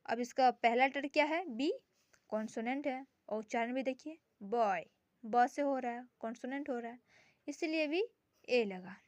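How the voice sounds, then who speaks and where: Young woman, high pitch, casual home tutor, rhetorical questions, slow repeated words. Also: dry recording. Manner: asks and answers her own questions, repeats words slowly. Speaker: teacher. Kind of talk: casual grammar lesson. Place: home with sisters noisy in background.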